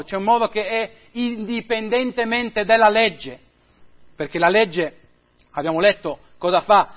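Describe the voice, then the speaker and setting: A male pastor preaching a sermon and praying, emphatic and building to loud peaks, recorded with dull lo-fi sound. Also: sits high.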